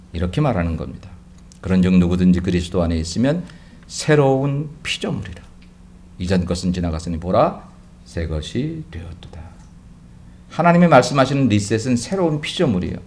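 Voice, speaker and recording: A man pastor preaching a sermon, swinging between loud exclamations and quiet asides and putting rhetorical questions to his congregation. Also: lowish voice.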